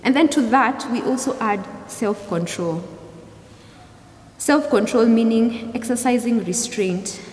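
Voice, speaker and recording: A young adult woman giving a youth service sermon in a measured, explanatory way, often rephrasing as she goes. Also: a little high, a little mellow. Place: large church hall, indoors. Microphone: gooseneck pulpit microphone. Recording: echoey hall, clear background noise.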